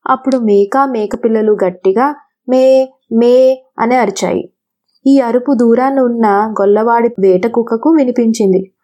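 A woman telling a children's animal fable in an even, expressive storyteller's manner. Her voice sits slightly high but sounds mellow and warm rather than bright. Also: normal speed.

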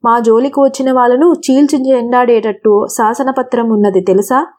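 ఒక స్త్రీ చెప్పే ధైర్యమైన తల్లి గుర్రం. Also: female voice, fairly high pitch, fairly even intonation, normal speed, darkish tone, close to an everyday voice. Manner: indignant, challenging. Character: defiant mother horse, bold.

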